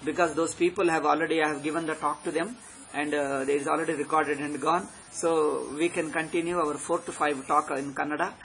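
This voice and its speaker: A man's voice: fairly high pitch, flat delivery, fairly quick, a bit bright, rough recording. A man with a South Indian accent giving an extempore spiritual discourse, exhorting emphatically and repeating his points with short tag questions. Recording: background noise.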